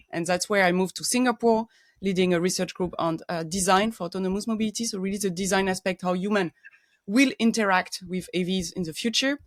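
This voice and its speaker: Middle-aged French-accented woman, podcast guest, earnest explainer, halting with fillers, mid pitch, dry close mic. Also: no echo. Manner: earnest and explanatory, searching for words with frequent ums and restarts. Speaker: guest expert, engineer. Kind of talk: casual podcast interview.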